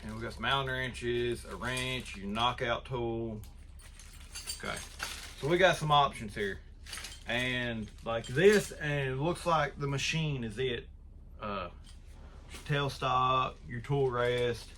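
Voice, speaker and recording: A man's voice: mid-range voice, slow pace, sharp tone, slight background noise. A man hosting his woodworking channel, talking casually and rambling through an unboxing in his shop. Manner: rambling, self-deprecating, restarts often. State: out of breath.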